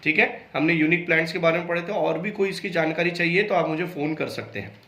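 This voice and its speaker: A male school teacher. He reads the textbook slowly and haltingly, then explains faster in his own words. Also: a little high, a bit bright. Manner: slow halting reading, quicker explaining. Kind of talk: online class lesson. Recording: roomy echo.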